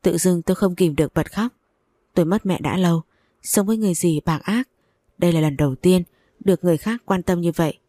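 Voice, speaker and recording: Female storyteller, low and dark, dry close sound, steady first-person reading. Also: brisk, no echo. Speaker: story narrator.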